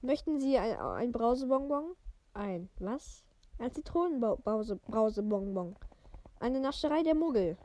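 A woman reading the lines of a gentle, kindly old male wizard headmaster in her own voice, with small slips. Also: on the high side, lively intonation, unhurried, dry recording. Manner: read in her own voice, stumbling over words.

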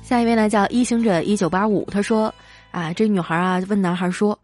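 A woman hosting a comedy show, reading out listener jokes in a lively storytelling way and chuckling through the punchlines. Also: mid-range voice, fairly quick, faint music behind. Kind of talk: comic storytelling.

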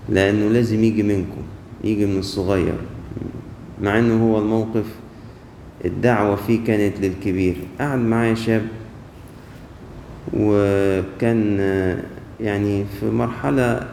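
A man's voice: fairly low pitch, gravelly, warm tone, slight background noise. A man with an Egyptian accent giving a conversational sermon during a church service, telling a story and posing rhetorical questions that he answers himself. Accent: Egyptian Arabic. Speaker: preacher. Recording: echoey church hall with long reverb.

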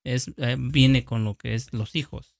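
A man slowly and insistently explaining a point in casual conversation. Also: medium pitch, steady tone, vocal fry. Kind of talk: casual chat.

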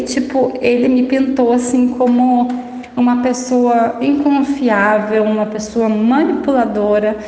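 A young adult woman telling viewers a personal story in an outspoken, animated way, with many restarts. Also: on the high side. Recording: echoey room with long reverb.

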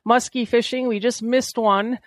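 A woman's voice: on the high side, steady tone, moderate pace, dry recording. A woman hosting a casual outdoor podcast from a small cabin, talking in a chatty, folksy storytelling way. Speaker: podcast host. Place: small lakeside cabin, indoors.

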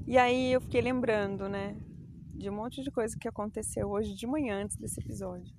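A woman's voice: mid-range voice, normal speed, noisy background. A woman chatting to her phone on a bike ride outdoors, telling a story about her day in a chatty, confiding way. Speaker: podcast host. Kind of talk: casual outdoor vlog monologue.

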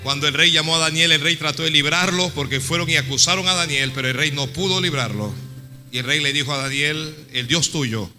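Bright-voiced preacher in a reverberant hall. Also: male voice, a little high, fairly quick. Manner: dramatic storytelling preaching with swings between hushed and shouted. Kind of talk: sermon. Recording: long hall reverb with music.

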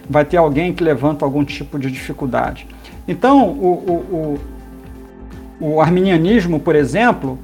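A man, a pastor, calmly explaining theology in a podcast conversation, pausing often with fillers. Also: a little high. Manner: explanatory, measured, with many fillers.

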